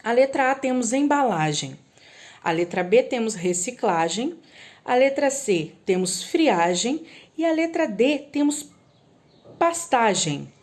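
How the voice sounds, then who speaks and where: A woman teaching a recorded lesson to young children, slowly drawing out example words and often checking in with them. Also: fairly high pitch, sing-song, a little mellow. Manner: patient, drawn-out word spelling with frequent "tá?" checks. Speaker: primary school teacher.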